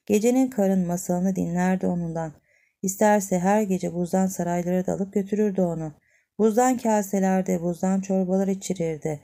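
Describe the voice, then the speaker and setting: A woman narrating a children's story at a calm, measured pace. Her voice is very dark and mellow, pitched somewhat low. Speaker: audiobook narrator.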